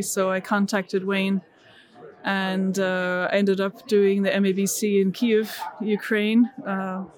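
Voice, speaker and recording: Speaking in a mid-range, slightly mellow voice, a middle-aged woman from Ireland appears as a missionary guest in a conversational interview. She tells her story earnestly, often restarting and using fillers.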